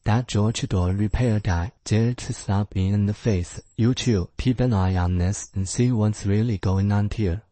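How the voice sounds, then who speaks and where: A man's voice: fairly low pitch, a little slow, few pauses, mellow, no echo, natural voice. A man playing a blunt young man who warns others in a dubbed drama. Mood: stern. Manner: stern, warning.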